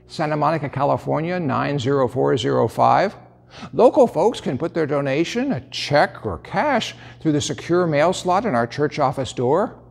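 A man's voice: on the high side, vocal fry, darkish tone, breathy edge. An older American man, a pastor giving church announcements in a conversational way, speaking straight to viewers. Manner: conversational, addressing viewers directly. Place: church sanctuary.

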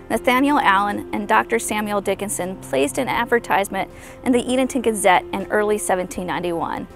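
A woman in her thirties, a historical interpreter, giving a clear, measured outdoor tour talk on a lapel mic. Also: on the high side. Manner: clear, measured presenter delivery. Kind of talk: informative video tour narration. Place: outdoors on a lawn by trees. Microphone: clip-on lapel mic.

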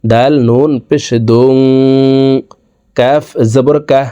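A man's voice: mid-range voice, fairly even intonation, slow pace, dark tone. A man teaching Quran reading, patiently spelling out each Arabic letter and vowel mark in a Bangladeshi Bengali accent. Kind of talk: spelling-out recitation lesson.

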